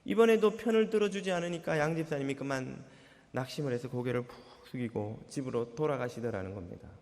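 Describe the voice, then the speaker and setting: A male pastor telling a story in a sermon, with animated delivery and acted dialogue. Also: medium pitch, fast, long reverb tail. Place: church sanctuary.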